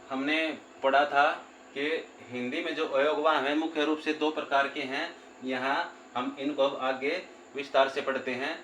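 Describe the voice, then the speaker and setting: A man with a slightly high voice teaches a grammar lesson. He goes over each point more than once and slows down to spell out word parts. The room echoes, with a faint hum behind him. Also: fairly bright tone. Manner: repeats points, often says "theek hai" and "doston".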